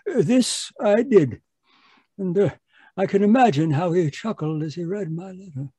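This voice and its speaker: A genial, fussy older doctor in an old-time radio play. His voice is high for a man and a little raspy. He hesitates and repeats himself in an avuncular way as he recounts old adventures, heard dry over a video-call recording. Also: expressive, normal speed, dark tone, no echo. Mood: genial, reminiscing. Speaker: storytelling narrator character. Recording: live video-call performance.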